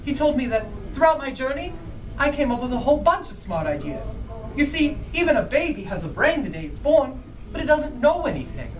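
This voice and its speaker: A woman playing a friendly, excitable Scarecrow who tells a story live to children and puts questions to the listeners. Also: high-pitched, a little fast. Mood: earnest, reassuring. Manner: animated, asks the listeners questions. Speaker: costumed storyteller. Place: bookstore live event. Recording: distant mic, music behind.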